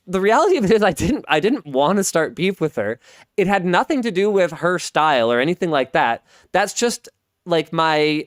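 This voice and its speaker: A man's voice: on the high side, clean tone, dry recording, studio quality. A man in his thirties from Canada, hosting a casual podcast, who rambles and repeats himself as he talks. He says he has a Pacific Northwest way of speaking. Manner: rambling, self-interrupting, repeats words. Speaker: podcast host.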